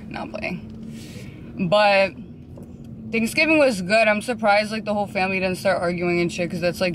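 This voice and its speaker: A woman's voice: mid-range voice, fairly bright tone, slight background noise. A woman in her twenties chatting casually to her phone camera in a slangy, blunt vlog style with some swearing. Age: 20s. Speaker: vlogger.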